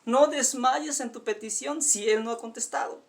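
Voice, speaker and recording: A man's voice: extremely high pitch, normal speed. A man preaching a sermon, pleading with his listeners, calling them dear friend and repeating words for emphasis.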